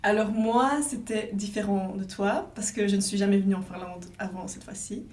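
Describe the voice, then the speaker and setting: A woman's voice: mid-range voice, steady tone, moderate pace, darkish tone. Young Belgian woman, distant roomy mic. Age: young adult. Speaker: guest. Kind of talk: casual chat.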